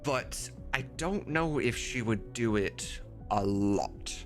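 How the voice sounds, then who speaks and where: His medium-pitched voice is expressive and unhurried as he talks casually on stream, working through ideas aloud with enthusiasm, emphasis, and a few mild swear words. The man is a game mod voice director who also streams, and music plays in the background.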